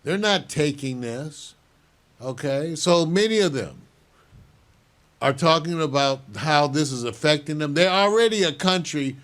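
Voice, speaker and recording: An older man hosting a show, giving measured, opinionated news commentary and chuckling now and then. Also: a little high, expressive, a bit bright. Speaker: show host.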